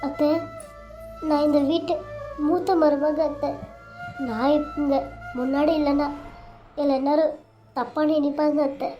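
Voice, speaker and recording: A woman's voice: sits high, fairly even intonation, unhurried, long pauses, dull audio, faint music behind. A woman voicing a hurt elder daughter-in-law in a cartoon serial, pleading with her mother-in-law.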